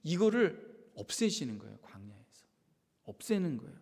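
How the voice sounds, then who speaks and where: A man preaching a Sunday sermon with a lively, swinging delivery, his voice rising and falling as he acts out quoted lines. His fairly high voice carries through the long reverb of a church sanctuary, sometimes sinking to a whisper. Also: normal speed, slightly rough. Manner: animated preaching, acting out quotes of God and Moses, dropping to a whisper at times. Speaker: pastor.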